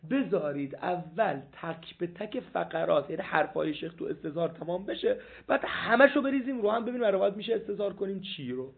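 A man's voice: high-pitched, vocal fry. A man teaching a seminary law class, reading passages aloud and questioning his students. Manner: animated, repeats points, asks the class questions. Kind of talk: jurisprudence class lecture. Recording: phone-like lo-fi recording.

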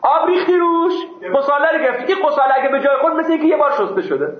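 A man with an extremely high, animated voice teaches a seminary class, reading Arabic text aloud and explaining it through questions and answers, with the occasional joke for his students. It's a dull, echoey classroom recording.

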